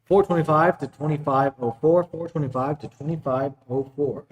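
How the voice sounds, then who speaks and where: High-pitched male auctioneer in an echoey room. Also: fairly even intonation, normal speed. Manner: repetitive rhythmic bid calling between plainly announced lots. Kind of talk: rapid auctioneer chant with repeated bid calls. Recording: roomy echo, distant from the mic.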